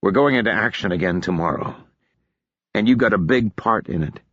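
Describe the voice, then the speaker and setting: An earnest, plain-spoken army officer, as a male narrator puts him on, in a husky, slightly raised voice. The delivery moves lively in pitch. The audiobook sound is dry and a bit dull. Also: fairly quick, dry recording.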